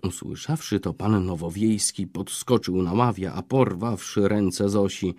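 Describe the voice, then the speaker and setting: Male audiobook narrator, very low, dark voice, slow and measured, dry close sound. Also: dry recording. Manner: measured, expressive storytelling. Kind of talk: audiobook reading of a historical novel.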